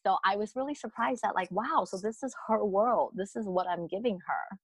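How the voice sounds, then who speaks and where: A woman's voice: mid-range voice, normal speed, creaky, breathy edge, no room sound, poor audio. A woman in her thirties with a Taiwanese accent, talking reflectively as an interviewee, with many fillers and restarts. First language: Mandarin. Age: 30s. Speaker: interviewee, mother. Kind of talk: casual interview chat.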